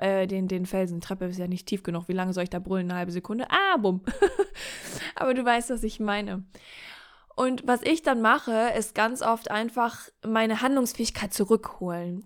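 A woman hosting a podcast, talking in an earnest, self-disclosing monologue straight to the listener, slowing down to repeat key phrases. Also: medium pitch. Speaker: podcast host. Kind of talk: reflective personal monologue.

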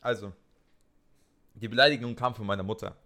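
Bright-voiced young man telling a story. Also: on the low side, fairly quick. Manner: animated storyteller, acts out quotes in raised voice. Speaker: podcast co-host. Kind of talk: casual chat.

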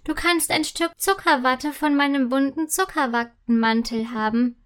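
A woman's voice: sits high, normal speed, natural voice. A woman voicing a plaintive sugar fairy. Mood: kind. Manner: plaintive, soft, kind. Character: gentle female sugar fairy, hurt and plaintive.

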